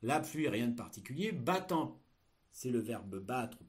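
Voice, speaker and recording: A male teacher dictating in drawn-out, emphatic phrases, explaining the grammar and posing questions as he goes. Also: medium pitch, big pitch swings. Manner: didactic, poses rhetorical questions. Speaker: French teacher giving an exam dictation.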